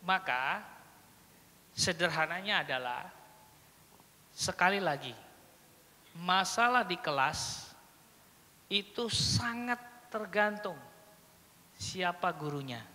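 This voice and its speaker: Bright-voiced trainer lecturing teachers in hall. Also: mid-range voice, slow, long pauses. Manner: lively, acts out short child and teacher dialogues, often checks understanding. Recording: long hall reverb.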